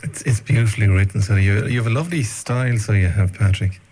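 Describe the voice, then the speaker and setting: A man's voice: lowish voice, fast, darkish tone. A man with a west of Ireland accent hosting a casual, chatty radio interview. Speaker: radio host.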